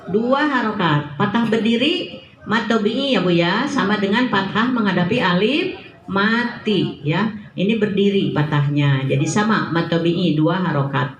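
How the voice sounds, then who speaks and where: A middle-aged woman leads a recitation class for a women's study group, unhurried and patient. She stretches out each demonstrated word and laughs lightly as she corrects. The sound carries the echo of an indoor room. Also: medium pitch. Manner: patient, demonstrates recitation slowly, chuckles often. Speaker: Quran recitation teacher. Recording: echoey room.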